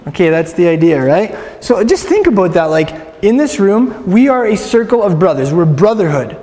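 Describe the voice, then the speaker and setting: A man's voice: high-pitched, very animated, moderate pace, mellow. Upbeat man teaching a group in a reverberant hall. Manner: chatty, upbeat, filler-heavy, has the room repeat words. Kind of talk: casual interactive Bible teaching. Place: room with a group of listeners.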